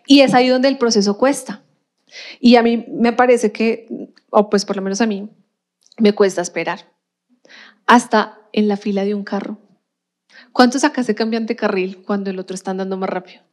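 A woman pastor preaching a sermon in a lively, conversational way, acting out everyday scenes. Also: mid-range voice, moderate pace, long pauses.

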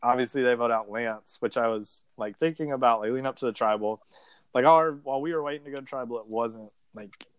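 This reality game contestant, a young man, narrates a story in a casual podcast chat with a brisk, smooth, medium-pitched voice. His talk is chatty, loaded with "like," and he acts out what people said. There's no echo.

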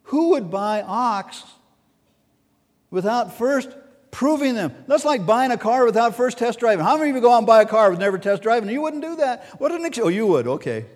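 A man preaching a sermon as pastor, swinging between soft and loud and repeating key words. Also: very high voice, expressive, brisk, long reverb tail.

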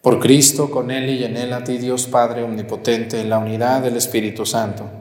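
A man as a priest, reciting the prayers of the Mass in a measured, solemn way, heard with a cathedral echo. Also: mid-range voice, flat delivery, darkish tone. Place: large church during Mass. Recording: long echo of a large church hall.

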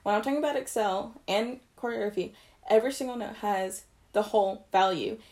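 A woman's voice: mid-range voice, a little fast, darkish tone. A young woman and trumpet player teaching articulation basics in a casual video, chatty and correcting herself as she goes. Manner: chatty, self-correcting, loose explanations.

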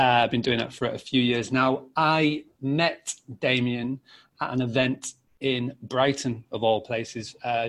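A man talks casually as a podcast guest at a middling pitch. He is easygoing, laughs often and restarts phrases as he thinks. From Scarborough, North Yorkshire, England. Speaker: podcast guest, business founder. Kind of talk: casual chat.

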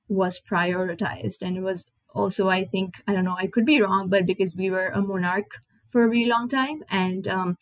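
Speaking English with a Nepali accent, a young native Nepali speaker runs her own casual podcast, chatty and rambling, often correcting herself. Her medium-pitched voice is steady and moderately paced, recorded dry.

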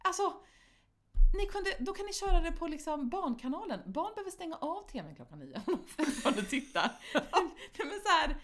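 A woman's voice: extremely high pitch, very animated, a bit bright. A woman in her thirties co-hosting a podcast, chatting casually, laughing often and trailing off mid-sentence. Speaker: podcast co-host. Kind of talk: casual chat.

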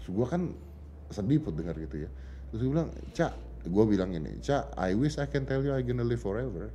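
A man speaks in a low, mellow voice that rises and falls with a lot of life as he retells a conversation. He plays both sides of the dialogue and slips into quoted English. Faint music runs under him in a podcast studio. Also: lively intonation, brisk. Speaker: podcast guest, father of a teenager. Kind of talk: emotional storytelling in casual chat.

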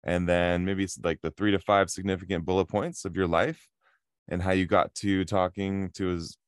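Male podcast host, resonant low voice, relaxed curious interviewer. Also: normal speed, smooth, no echo, clean studio sound. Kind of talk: casual interview. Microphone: video call.

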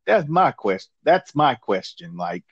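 A man's voice: mid-range voice, big pitch swings, a little slow, husky, no room sound. A man in a heated casual discussion, talking in an angry, emphatic and profane way, repeating himself. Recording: dull muffled lo-fi sound.

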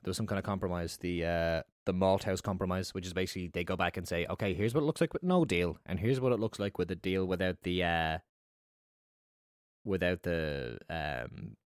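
Fast-talking sweary man. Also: deep voice, smooth, no room sound, studio quality. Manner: swearing, ranting, sarcastic. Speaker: podcast co-host. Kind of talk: casual political chat.

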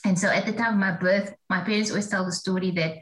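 A woman's voice: mid-range voice, steady tone, fast, low-quality recording. A woman in her forties, a theology professor talking as a guest, chatty and reflective, laughing at herself. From South Africa. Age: 40s. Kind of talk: casual interview storytelling.

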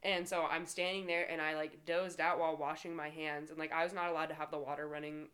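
A woman with a somewhat low voice, chatting casually. She tells stories animatedly and acts out the quotes she recounts. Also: level tone, quick pace, fairly bright tone, clean tone. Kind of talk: casual chat.

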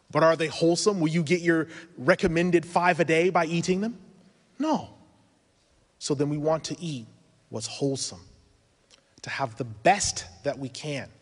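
A man in his thirties with a foreign accent, giving an earnest religious lecture at a conference, full of advice and rhetorical questions. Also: a little high. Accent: foreign accent he mentions himself. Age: 30s. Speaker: conference speaker. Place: conference hall. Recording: reverberant conference hall.

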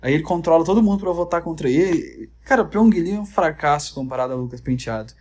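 A man's voice: a little high, lively intonation, fast talker, a little mellow. A man with a Brazilian Portuguese accent rambling through comedic, profane reality-show commentary. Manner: rambling, profane, jokey storytelling. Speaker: vlogger.

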